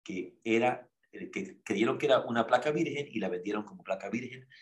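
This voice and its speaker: A man hosting a casual talk show, telling stories in an animated way and asking rhetorical questions. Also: mid-range voice, a little fast. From Ecuador.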